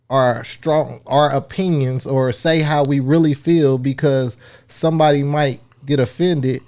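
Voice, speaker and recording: A man's voice: medium pitch, a little mellow. A man with an American accent, co-hosting a podcast and arguing his point in long, earnest, blunt runs of casual chat. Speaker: podcast co-host.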